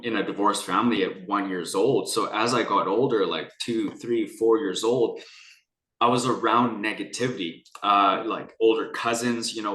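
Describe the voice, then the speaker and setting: A lower-voiced young man with a bright edge tells his life story in a rambling, earnest way, circling back and restarting often. The room around him is echoey and hollow. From Canada. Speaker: guest. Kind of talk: candid personal conversation.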